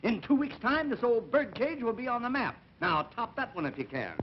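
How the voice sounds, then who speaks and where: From a muffled, faintly hissy early talkie film soundtrack comes a brash, wisecracking con man. His high voice leaps up and down as he spins boastful patter with little chuckles, in the style of 1930s screen comedy. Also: very animated, a little fast. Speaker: hotel promoter.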